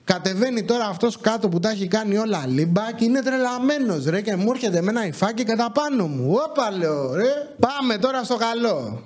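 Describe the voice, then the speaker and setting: A man telling a comedic anecdote on his podcast in an animated, exasperated way, acting out what others said. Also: high-pitched, few pauses. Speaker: podcast host. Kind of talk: comedic storytelling.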